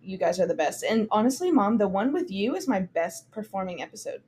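Young woman, podcast host, casual and giggly, mid-pitched. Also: sing-song, a little fast, dark tone, a little hiss or hum. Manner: chatty, laughs often, upbeat. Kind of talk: casual chat.

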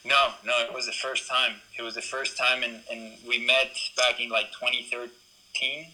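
A man's voice: medium pitch, flat delivery, moderate pace, pushed and bright, rough recording. A young man from Ecuador, a BMX racer, talking casually in an interview with lots of fillers and restarts. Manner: rambling, many fillers and restarts.

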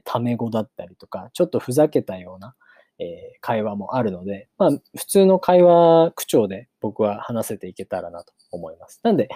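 A man hosting his channel, chatting casually with many filler pauses, then reading a novel aloud for learners. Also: lowish voice, dry recording, clean studio sound. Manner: relaxed, lots of filler pauses.

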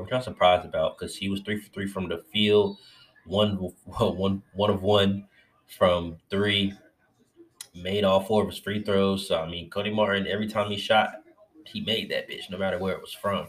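A man giving a casual, profane recap of his team's win, excitable and swearing often, while getting over covid and feeling a bit lightheaded. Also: deep voice, normal speed. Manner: loose, profane, excitable fan talk. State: recovering from covid, a little lightheaded. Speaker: sports fan vlogger.

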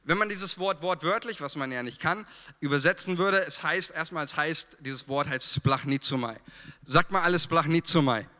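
Bright-voiced Franconian preacher in a hall. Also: male voice, fairly high pitch, normal speed. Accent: Franconian German. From Franconia, Germany. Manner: lively, addresses congregation directly with fillers and humor. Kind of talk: sermon.

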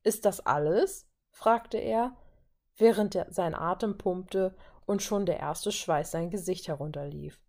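A woman reading a story aloud in a calm, even way. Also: fairly low pitch, measured pace. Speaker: reader. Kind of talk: reading fan fiction aloud.

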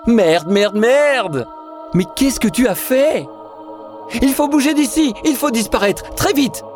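A man performs a tall woman in a storybook reading who has lost all composure. She yells in frantic, high bursts, furious and panicked at once. Soft music plays behind her. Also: lively intonation, slow, heavily acted.

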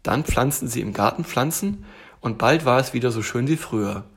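Husky-voiced man reading a bedtime story. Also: mid-range voice, lively intonation, normal speed. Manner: gentle, storytelling delivery. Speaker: story reader.

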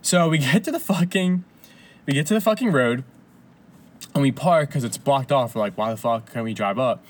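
Profane, animated man telling a story. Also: mid-range voice, normal speed. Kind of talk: casual storytelling chat.

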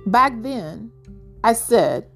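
A woman with a slightly raised pitch gives a reflective devotional talk as host. Her delivery is gentle and measured, with pauses between thoughts. Soft music plays faintly beneath her. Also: sing-song, vocal fry. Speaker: podcast host.

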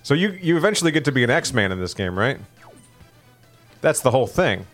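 A man's voice: medium pitch, sing-song, a little fast, a bit bright, soft background music. Chatty man coaching a video game. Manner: chatty, joking, coaching the player. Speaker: podcast co-host. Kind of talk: casual gaming chat.

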